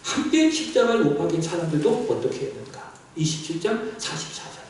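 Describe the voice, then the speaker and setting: Male pastor, high lively voice, preaching with questions to the pews; echoey church hall, mic at a distance. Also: brisk. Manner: animated preaching, asks the congregation questions. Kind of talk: sermon. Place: church sanctuary.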